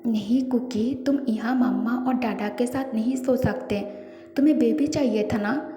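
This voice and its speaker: Woman doing a young wife, coaxing then scolding, mellow high voice, long echo, soft music behind. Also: a little slow, natural voice. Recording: echoey reverberant room, faint music.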